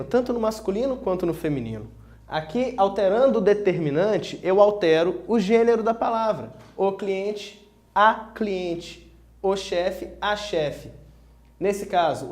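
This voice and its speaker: A man teaching a grammar lesson, speaking clearly and spelling out each example slowly. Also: high-pitched, a little mellow. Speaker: Portuguese teacher.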